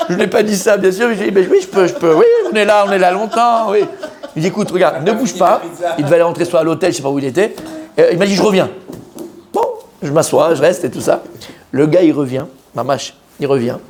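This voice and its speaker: Fast-talking rabbi telling a story. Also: male voice, a little high. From Israel. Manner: animated storyteller who acts out quoted voices. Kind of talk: storytelling sermon.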